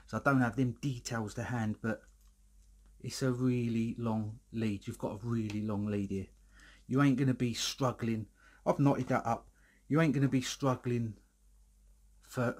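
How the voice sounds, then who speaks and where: Chatty, slightly husky man. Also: mid-range voice, steady tone, normal speed, darkish tone. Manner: chatty, rambling, with restarts. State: a little out of breath. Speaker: product reviewer. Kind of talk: casual product review vlog. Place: indoor room, filming himself alone.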